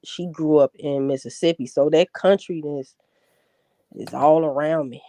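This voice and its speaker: A warm, low-pitched woman's voice, unhurried and free of echo. She grew up in Chicago after being born in Florida, and her accent blends the two; as a guest in a casual chat, she laughs often and tends to repeat words at the start.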